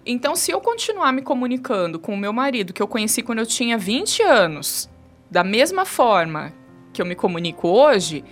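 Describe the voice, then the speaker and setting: A woman's voice: on the high side, normal speed, soft background music. A woman in her thirties with a Brazilian accent, a guest explaining communication on a talk show and acting out quoted lines. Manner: animated, acts out quoted speech. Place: studio talk show with three people.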